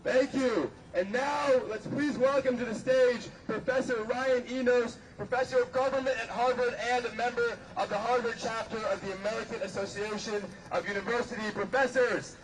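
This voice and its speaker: High-voiced man rousing a rally from the podium. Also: steady tone, normal speed, hardly any pauses, distant mic. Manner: loud, rousing, projected. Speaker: rally host and chant leader. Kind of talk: podium speech, rallying announcements and chants. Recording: noisy outdoor rally with loud crowd.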